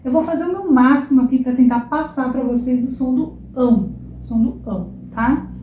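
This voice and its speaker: A woman's voice: high voice, normal speed, warm tone, echoey room, slight background noise. A Brazilian woman teaching Portuguese pronunciation, stretching and exaggerating vowels to demonstrate them and checking in with the learner often. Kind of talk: language lesson to camera.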